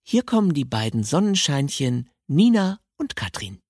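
This podcast host chats enthusiastically and informally about audiobooks in an interview recorded at a Hamburg studio on a close microphone. His voice is a little high and very animated, moving at normal speed.

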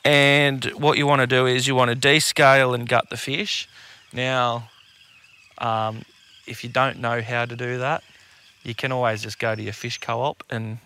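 Bright, blokey Australian man, like a tradesman. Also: mid-range voice, level tone, unhurried, clear, resonant tone. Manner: laid-back blokey Aussie tradesman talk, slangy and sweary. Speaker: podcast co-host. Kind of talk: casual chat.

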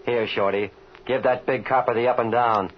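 An actor playing a cocky, mocking gang boss who talks tough gangster slang in a 1930s radio serial. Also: male voice, medium pitch, fairly even intonation, moderate pace, lightly acted. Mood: menacing. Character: cocky, sneering male gang boss with a gun. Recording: muffled, hissy vintage radio recording.

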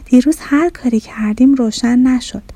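Woman doing a gentle, soothing mother. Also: fairly high pitch, breathy edge, no room sound. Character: kind patient mother.

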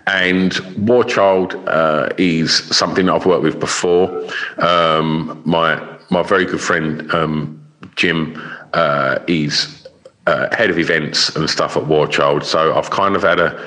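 Male guest, extremely low voice, halting and stammering casual conversational delivery. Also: steady tone, bright, forceful tone, poor audio. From Essex, England. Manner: halting, stammering over words. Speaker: interview guest, charity fundraiser. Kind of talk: casual chat.

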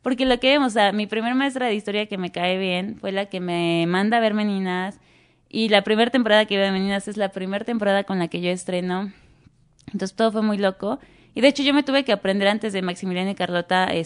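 A young Mexican woman tells stories from her acting career. She speaks in a Mexican Spanish accent with lively energy and acts out the people she quotes in full dialogue. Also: medium pitch, smooth. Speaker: guest actress. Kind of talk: casual interview storytelling.

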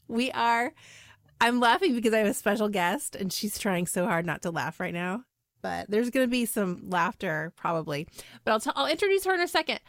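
A woman's voice: mid-range voice, no room sound, clean studio sound. A middle-aged woman hosting a podcast, chatting casually and laughing with a friend. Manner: chatty, laughing, lively emphasis. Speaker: podcast host.

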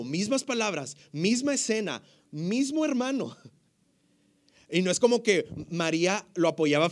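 A man preaching a sermon. He reads scripture expressively and drops to a hushed voice when he prays. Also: fairly high pitch. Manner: expressive reading, hushed in prayer. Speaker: pastor.

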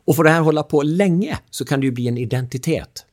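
A man, a father, explaining relationship roles in an animated chat, acting out quotes and laughing often. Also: a little high. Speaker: speaker on the drama triangle, a father.

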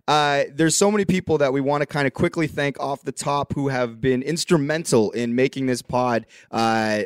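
A man's voice: medium pitch, clear, resonant tone, no echo. Male host, casual chatty delivery, dry studio sound. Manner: chatty, many fillers, thanking people. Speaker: podcast host. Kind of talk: casual podcast chat.

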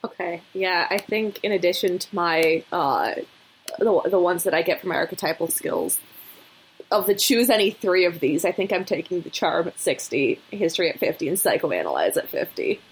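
A woman playing a tabletop game, talking in an animated, laughing way. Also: fairly low pitch, normal speed, slight background noise. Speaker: player. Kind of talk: casual tabletop game chat.

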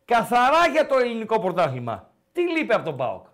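A man's voice: high-pitched, huge pitch swings, fairly bright tone. A man hosting a call-in sports radio show, talking casually and animatedly and repeating himself for emphasis.

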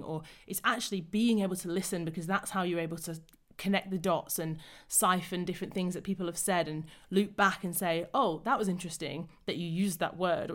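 Enthusiastic woman podcast host. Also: lowish voice. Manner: enthusiastic, reflective. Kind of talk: casual conversation.

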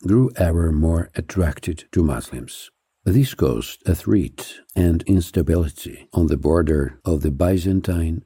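A man narrates a scripted history in a steady, measured read that slows down to weigh each item of a list. His voice sits low and sounds very dark and mellow. It is recorded dry and close, with no room sound. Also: breathy edge, no echo. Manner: measured, even reading with slowed, stressed lists.

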